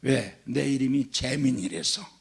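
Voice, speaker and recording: A man's voice: mid-range voice, a little slow, vocal fry, husky. A man preaching a sermon at a church revival meeting, telling stories with jokes. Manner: joking, animated storytelling.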